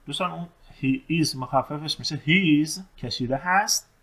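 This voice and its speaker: A man, speaking in a somewhat high voice, teaches an English lesson. He reads each test sentence slowly, then translates it and explains the grammar point. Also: a bit bright, rough recording.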